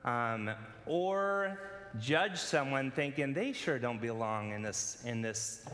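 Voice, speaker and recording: Bright-voiced man preaching in a reverberant hall. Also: medium pitch, slow. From California. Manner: relaxed, conversational, many fillers. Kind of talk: casual sermon with personal story. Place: church sanctuary.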